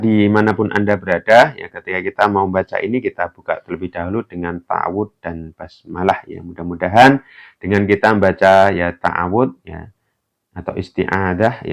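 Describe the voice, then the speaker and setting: A man teaching Quran reading in an online lesson, patient, adding a filler "ya" after nearly every phrase. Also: vocal fry. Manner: slow, patient, many filler "ya"s, chants examples in a higher voice. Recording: dull lo-fi recording.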